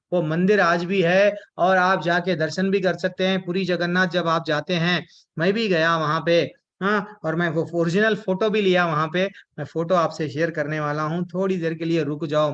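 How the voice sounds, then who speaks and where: Man, scripture class teacher, high bright voice, animated storytelling, muffled lo-fi audio. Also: moderate pace. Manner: animated, asks and answers his own questions.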